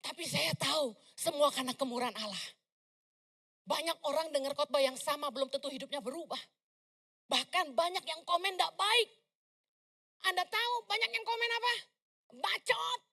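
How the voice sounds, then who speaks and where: A middle-aged woman pastor preaching a sermon loudly and emphatically, breaking into casual slangy asides. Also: high-pitched, brisk, pauses often.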